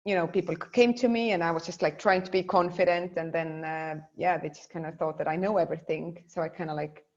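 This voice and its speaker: A woman's voice: on the low side, fairly even intonation, fast. Chatty young woman, dull lo-fi sound. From Estonia. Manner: chatty, many fillers and restarts. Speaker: interviewee. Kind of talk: casual interview talk.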